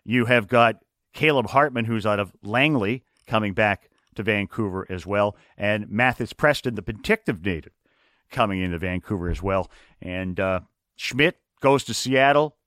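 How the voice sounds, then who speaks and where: A man's voice: on the low side, fairly bright tone, no echo, clean studio sound. A man hosting a sports radio show, rattling off hockey trade details. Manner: rapid rundown of hockey trades.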